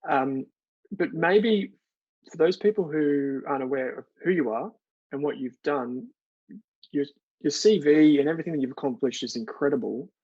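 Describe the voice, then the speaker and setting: A man's voice: fairly high pitch, moderate pace, darkish tone, slightly rough, highs cut off. An Australian man hosting a podcast, asking casual, hesitant questions with fillers. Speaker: podcast host. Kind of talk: interview conversation.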